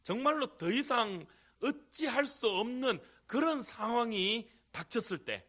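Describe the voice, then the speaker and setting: A man's voice: very high-pitched, lively intonation, measured pace, a bit bright. A middle-aged man preaching an earnest sermon into a microphone in a church, rising to emphatic cries. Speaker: pastor. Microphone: handheld or stand microphone.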